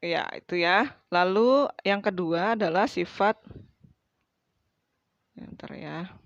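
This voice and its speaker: A woman gives a relaxed tajwid lesson, sounding out each letter with plenty of fillers. The recording is dry and a little dull, with no room sound. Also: on the low side, slow pace, no room sound. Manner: chatty, demonstrates letter sounds, frequent fillers. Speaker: Quran recitation teacher.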